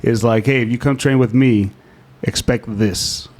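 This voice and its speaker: This man hosts a casual interview, and his voice sits at an ordinary male pitch. He talks in a friendly, conversational way and often thanks and praises his guest. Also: steady tone, normal speed, a little mellow. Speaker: host.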